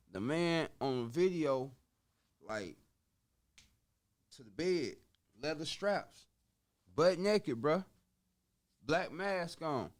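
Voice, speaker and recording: A man guesting on a podcast, telling a long story in a casual, profane, slang-heavy way and acting out the voices of the people in it. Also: mid-range voice. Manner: animated, profane, slangy, acts out quoted voices.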